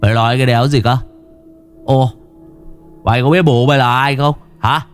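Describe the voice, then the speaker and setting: A man's voice: mid-range voice, fairly even intonation, brisk, faint music behind, lightly acted. A man doing a hot-headed young thug. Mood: angry. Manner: shouting insults. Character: young thuggish male driver, hot-tempered.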